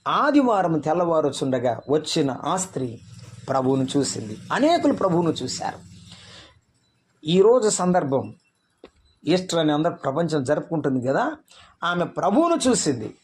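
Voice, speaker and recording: A man's voice: on the high side, very animated, normal speed, long pauses, breathy edge. A man preaching a sermon as pastor, firing rhetorical questions at the congregation.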